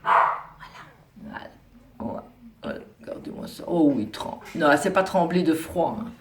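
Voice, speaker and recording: A woman's voice: low voice, lively intonation, normal speed, slight background noise. A woman filming a litter of puppies on her phone at home, explaining who is who and cooing fondly at them. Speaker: dog breeder showing a litter of puppies. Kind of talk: casual phone video commentary. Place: indoors at home, near a radiator. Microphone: phone held in hand.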